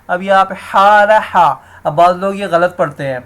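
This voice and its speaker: A man teaching Quran recitation rules, explaining each rule and then slowly sounding out words to demonstrate, often turning to his viewers as friends. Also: sits high, fairly bright tone. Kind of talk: tajweed lesson, explaining and demonstrating.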